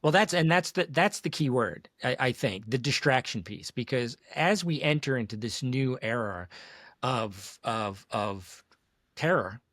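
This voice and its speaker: A man's voice: medium pitch, lively intonation, unhurried, fairly bright tone, dry recording, studio quality. A man hosting a casual, opinionated discussion, emphatic and searching for words, often checking in with short tag questions. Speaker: discussion host.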